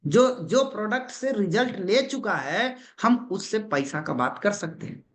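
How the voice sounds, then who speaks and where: High-voiced man. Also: animated, a little slow, a bit bright. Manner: asks the audience questions and answers them himself; repeats key points with emphasis. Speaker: business trainer. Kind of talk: motivational seminar talk.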